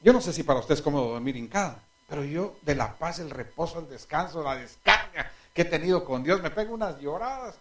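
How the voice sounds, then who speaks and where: Speaking a little fast with few pauses, this male pastor has a slightly high voice. He delivers a sermon full of animated anecdotes that make him laugh, and he asks his listeners questions directly.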